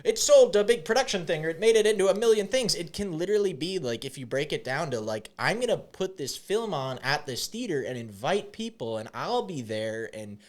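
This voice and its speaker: A man's voice: on the high side, very animated, a little fast, hardly any pauses. A man co-hosting a podcast, talking in loose, rambling sentences with many fillers and restarts. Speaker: podcast co-host. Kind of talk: casual chat.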